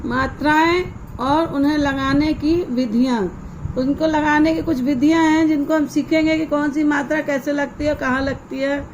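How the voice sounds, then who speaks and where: A woman's voice: high-pitched, fairly even intonation, moderate pace, a little hiss or hum, rough recording. A woman teacher giving a grammar lesson to young children, explaining patiently and asking the pupils questions.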